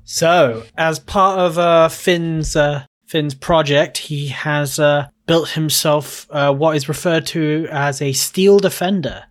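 A man's voice: a little high, steady tone, slow, hardly any pauses. A man playing in a tabletop game, speaking hesitantly with many fillers. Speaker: player. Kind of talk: casual play.

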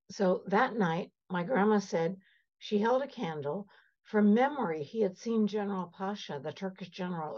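A woman's voice: medium pitch, mellow, husky. An older woman guest, born in Egypt and raised in Canada, telling stories in an emphatic, passionate way. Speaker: privacy expert guest. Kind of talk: conversational storytelling. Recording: slightly dull lo-fi audio.

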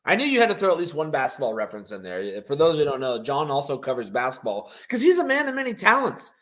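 A man co-hosting a casual post-fight show, talking in an animated, rambling way with many fillers. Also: fairly high pitch, quick pace, a crowd in the background. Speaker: co-host.

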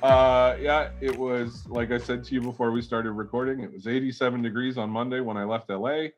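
A man's voice: medium pitch, little pitch movement, brisk, soft background music. A man guesting on a podcast, explaining ideas in a rambling, academic way full of hedges. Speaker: guest toy researcher. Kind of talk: casual podcast chat.

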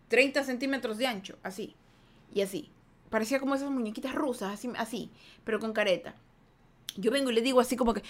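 A woman with a Guayaquil Ecuadorian Spanish accent hosts a storytelling podcast. Her voice sits high, and she tells the tale in an animated way, acting out her own shouts. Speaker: podcast host.

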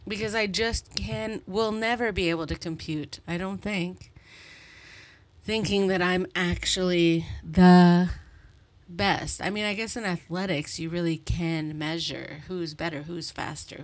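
A woman in her thirties from Montreal hosting her own podcast, talking alone in a chatty, rambling, self-deprecating way. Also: fairly low pitch. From Montreal, Canada. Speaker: podcast host. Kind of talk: solo podcast monologue. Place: bedroom at home.

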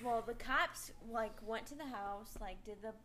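A woman's voice: fairly high pitch, measured pace, a little hiss or hum. Rambling woman telling a wild story. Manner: rambling, animated storytelling with many restarts. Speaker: storyteller among friends. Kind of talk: casual chat.

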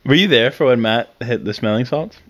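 A man's voice: mid-range voice, expressive, a little fast, a bit bright, a little hiss or hum. A young man co-hosting a casual podcast, telling rambling stories full of laughter and swearing. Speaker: podcast co-host. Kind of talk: casual chat.

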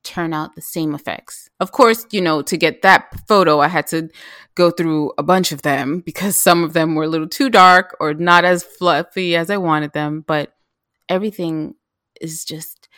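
A woman chatting as a guest about home cooking, lively and quick, with many fillers and restarts. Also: low voice, no room sound, studio quality. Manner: animated, talks fast with restarts and fillers. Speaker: guest, vegan home cook. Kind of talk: casual interview chat.

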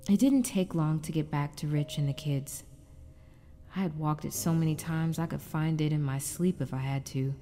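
A woman with a low, dark voice plays an anguished but determined wife and mother in an audio drama. She narrates in the first person, confiding and reflective.

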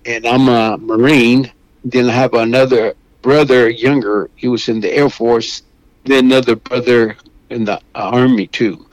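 An older man from Mexico speaks as a guest on a radio show. He talks haltingly and keeps restarting his sentences. His voice sounds dry and close. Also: medium pitch, fairly even intonation, no echo, poor audio. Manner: halting, with many restarts and fillers. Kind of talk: phone interview.

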